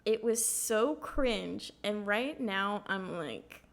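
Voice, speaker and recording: A young woman co-hosting a podcast, telling stories in a casual, animated way with lots of fillers. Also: medium pitch, slow pace, gravelly. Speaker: podcast co-host. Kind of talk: casual chat.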